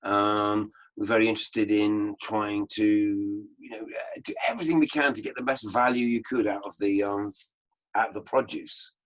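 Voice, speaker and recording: A man teaching an online permaculture course, talking over slides in an unhurried, anecdotal way. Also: fairly low pitch, fairly even intonation, rough recording.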